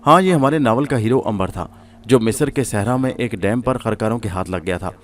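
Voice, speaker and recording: A man reading a suspense horror serial aloud as a storyteller, in a steady, measured way. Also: medium pitch, a little hiss or hum.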